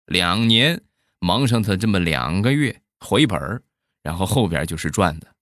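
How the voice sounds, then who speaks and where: Man playing a low-voiced village guy, boastful and salesy. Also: expressive, normal speed, fairly bright tone, dry recording, studio quality.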